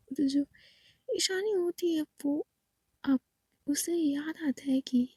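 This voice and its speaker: A woman narrating a love story in a soft, hushed voice, half whispered. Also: high voice, dry recording.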